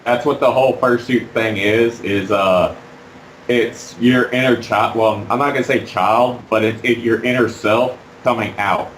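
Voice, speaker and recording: A man being interviewed about fursuiting while wearing a fursuit head, talking in a halting, rambling way with many fillers. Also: medium pitch, steady tone, a bit bright, roomy sound, slight background noise, low-quality recording. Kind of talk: casual interview.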